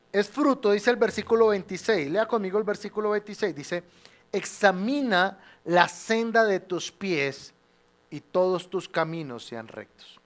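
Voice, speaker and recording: High-voiced preacher, loud then hushed. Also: male voice. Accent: Colombian Spanish. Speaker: pastor. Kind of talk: sermon. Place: church sanctuary.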